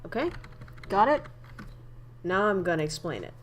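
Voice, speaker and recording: Soft music plays under a young northern Vietnamese woman's livestream as she teaches idioms in a Vietnamese accent. Her medium-pitched voice is very animated at a normal speed, and she chats casually, laughs frequently and reads the chat out loud.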